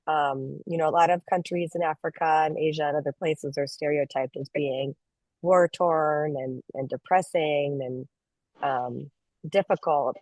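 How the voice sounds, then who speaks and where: A woman's voice: deep voice, a little mellow, no echo. A woman hosting an online interview and presenting slides, speaking in a friendly, loose way with many ums. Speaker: interview host and advocate.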